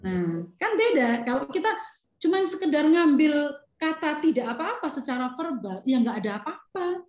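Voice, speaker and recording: Middle-aged woman, parenting seminar speaker, high and animated, interactive lecture, roomy hall sound. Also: moderate pace. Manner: animated, acts out parent and child lines.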